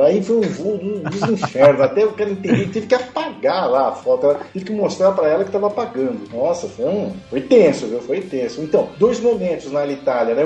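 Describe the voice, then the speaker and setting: Man guest, animated storyteller, slightly high and mellow, roomy echo with faint music. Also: dull audio. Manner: chatty, animated anecdotes, frequent tag questions and laughs. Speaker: podcast guest, private pilot. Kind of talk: casual storytelling chat. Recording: echoey room, faint background music.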